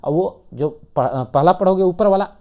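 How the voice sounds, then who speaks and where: A woman teaching English vocabulary for exams in Hindi, repeating each word slowly and asking rhetorical questions. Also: on the low side, warm tone. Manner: repeats words slowly, drills pronunciation, asks rhetorical questions. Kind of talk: exam vocabulary lesson.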